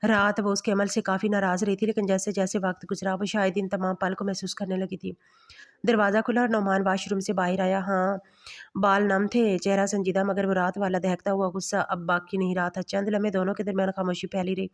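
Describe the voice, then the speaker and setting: A woman storyteller reads a bedtime romance story aloud. Her delivery stays level and flat, with little rise and fall. The pitch sits in a middle range.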